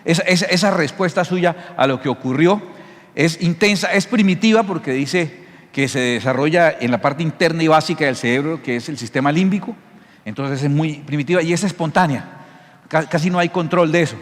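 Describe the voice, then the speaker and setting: High-voiced pastor man in a reverberant hall. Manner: animated, jokey teaching with frequent check-in questions. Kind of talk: sermon.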